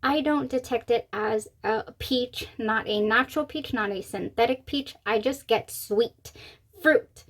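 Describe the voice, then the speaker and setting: A woman chatting casually to camera as a review host, excited and gushing, speaking with a slightly swollen mouth after having wisdom teeth out. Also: a little high, measured pace. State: recovering from wisdom teeth removal, mouth swollen on one side. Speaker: fragrance review channel host.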